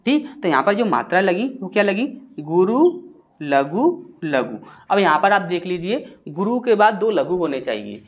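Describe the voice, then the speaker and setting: A man teaching Hindi grammar, explaining step by step, asking questions and answering them himself, and sounding out syllables slowly. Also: sits high, very animated. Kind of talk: classroom-style lesson.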